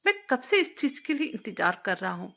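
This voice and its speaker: A woman's voice: fairly high pitch, sing-song, a little fast, a bit bright, exaggerated voice. A woman voicing an impatient, insistent husband in a spoken story, pleading in her own everyday voice.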